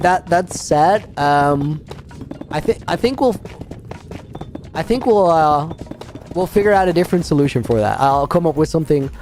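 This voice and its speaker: A man's voice: on the high side, darkish tone. A man streaming a game, chatting casually with viewers, rambling and laughing often while reading out names. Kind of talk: casual livestream chat while playing a game.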